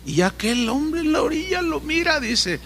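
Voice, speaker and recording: A man preaching a sermon, telling stories with animated delivery and rhetorical questions. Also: extremely high pitch, moderate pace, a little hiss or hum. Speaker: pastor.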